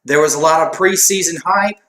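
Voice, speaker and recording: A man talks a little fast in a slightly high, bit bright voice while co-hosting a casual sports chat show. He rambles and jokes about himself, and the recording picks up an echoey room.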